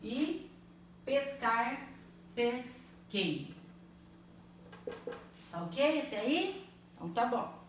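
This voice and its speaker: A woman teaching a primary school language lesson, spelling out words slowly and patiently, often checking that the children follow. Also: a little high, very animated. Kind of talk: slow, clearly spelled-out online lesson. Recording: echoey room, mic at a distance, faint noise.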